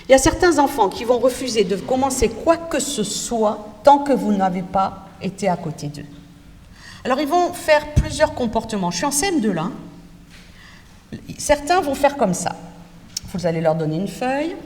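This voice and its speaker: Woman lecturing in an echoey hall. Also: fairly high pitch. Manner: lively, addresses students directly with rhetorical questions. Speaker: lecturer in teacher training. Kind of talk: university lecture. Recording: echoey lecture hall from far off, faint noise.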